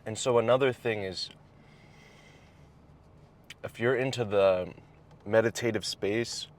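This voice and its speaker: A young adult man gives casual, reflective advice while driving and eating, speaking haltingly and thoughtfully with his mouth at times full. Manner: halting, thoughtful, pausing mid-phrase. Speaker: vlogger giving personal advice. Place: inside a car while driving. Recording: clear vehicle and road noise. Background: car and road rumble.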